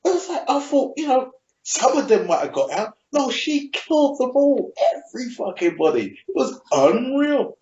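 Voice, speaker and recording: A man with a South London accent, hosting a casual TV review and retelling scenes in an animated, sweary, slang-heavy way. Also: very high voice, normal speed. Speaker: TV review show host. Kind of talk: casual TV recap chat. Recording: roomy dull lo-fi room sound.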